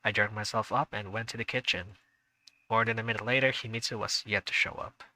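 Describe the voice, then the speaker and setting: With fairly even intonation and a fairly quick pace, the streamer's fairly low, sharp voice narrates a visual novel, broken up by chatty, hesitant asides full of fillers when he's unsure. The rough recording carries a little hiss or hum.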